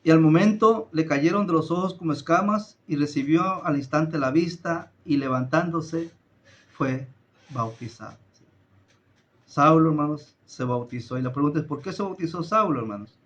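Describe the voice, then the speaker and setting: A man preaching a Bible study, slowly stressing his points, often addressing his listeners as brothers and reading scripture aloud. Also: fairly high pitch, highs cut off. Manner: slow deliberate emphasis with some filler hesitations. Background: greets a viewer by name, live stream.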